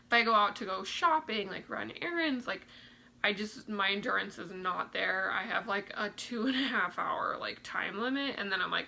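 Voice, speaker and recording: A young woman vlogger gives a casual pregnancy update, chatting a little out of breath and filling her speech with lots of "like" and "um." Her voice is medium-pitched, gravelly and sharp in tone, and the recording quality is low.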